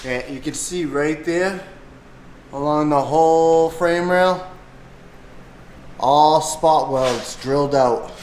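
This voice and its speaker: A man's voice: fairly high pitch, slow pace, long pauses, darkish tone. A young man casually walking viewers through a car repair in his garage, talking loosely with slang. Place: home garage with a car lift. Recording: echoey garage, faint noise.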